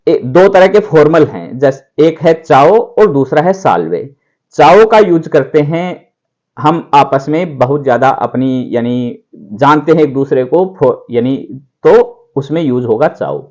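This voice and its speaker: Man teaching, slow drilled repetitions. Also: fairly high pitch, a little mellow. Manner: slow, drawn-out repetition of words for practice. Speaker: language teacher. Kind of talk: instructional video lesson.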